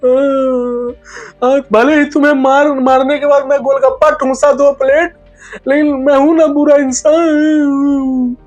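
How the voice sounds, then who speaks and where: A man voicing a clingy young boyfriend who hits his partner, then begs forgiveness in a whiny, drawn-out, pleading way. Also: very high voice, little pitch movement, darkish tone, no room sound, faint music behind, pitched above the performer's own voice.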